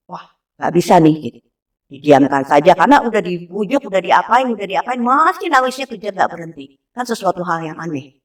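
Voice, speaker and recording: A woman in her thirties telling a personal story in a casual, animated way, acting out the voices of people she quotes. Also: on the low side. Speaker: interview guest. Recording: voice slightly distant from mic.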